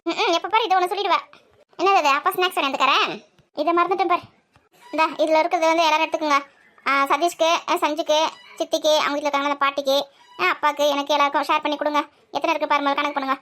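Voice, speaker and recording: A woman's voice: sits high, fairly even intonation, fairly bright tone. A woman voicing a busy mother who scolds and teases her two daughters in a comic family skit. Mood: bossy. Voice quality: quick, bossy and teasing.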